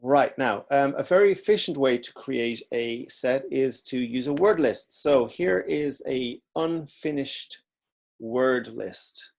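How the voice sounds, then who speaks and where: A man teaching in a relaxed, informal way, walking through a screen-recorded software tutorial. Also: medium pitch, slow, gravelly. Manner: relaxed, informal explaining while clicking.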